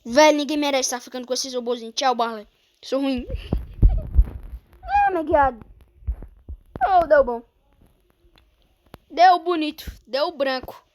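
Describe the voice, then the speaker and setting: A woman with a Brazilian Portuguese accent giving excitable gameplay commentary, often breaking into panicked exclamations. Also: sits high, measured pace, long pauses, a little hiss or hum. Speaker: gamer streamer.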